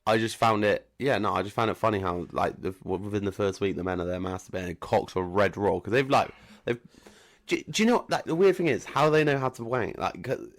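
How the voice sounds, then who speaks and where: A young man from Wiltshire with a southern English accent and a fairly low voice. He co-hosts in loose, casual banter, full of slang and swearing, and keeps things jokey. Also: fairly quick. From Wiltshire, England. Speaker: podcast co-host.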